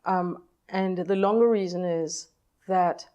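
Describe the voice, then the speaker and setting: A woman in her sixties from Trinidad, a novelist recounting personal stories in an interview, pausing often with ums and uhs. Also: fairly low pitch, steady tone, mellow, lo-fi sound. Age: 60s. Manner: hesitant, many ums and uhs, thoughtful. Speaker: novelist, guest. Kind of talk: reflective personal storytelling in interview.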